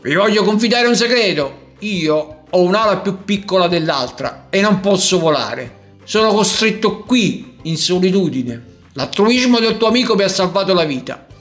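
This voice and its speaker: A man's voice: sits high, lively intonation, normal speed, a bit bright, faint music behind, pitched above the performer's own voice. A man voicing a huge green male dragon in a storybook, threatening at first, then confiding.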